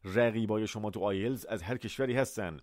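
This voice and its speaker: A man's voice: on the low side, dry recording, clean studio sound. A man teaching English vocabulary to Persian speakers, repeating each word and explaining it with everyday examples. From Iran. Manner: animated, repeats words for pronunciation and switches between Persian and English.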